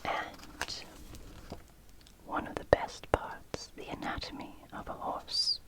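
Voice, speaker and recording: ASMR host for book read-through: library whisper, fully unvoiced, unhurried, gentle, short phrases with pauses. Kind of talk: whispered ASMR, reading and commenting on a picture book.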